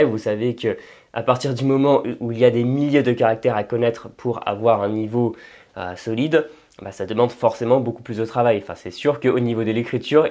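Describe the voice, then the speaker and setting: A man's voice: mid-range voice, warm tone. A man hosting a language-learning channel, explaining casually and thinking aloud with many hesitations and restarts. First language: French. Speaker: language-learning video host. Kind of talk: informal explanatory talk.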